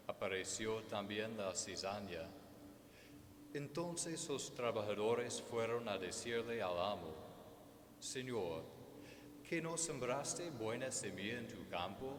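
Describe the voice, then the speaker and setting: Male priest reading the Gospel, deliberate and unhurried, in cathedral echo with a long, roomy reverb. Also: lowish voice. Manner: slow, measured liturgical delivery, chanted opening. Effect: cathedral echo with a long reverb tail. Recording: echoey church hall, faint ambient hiss.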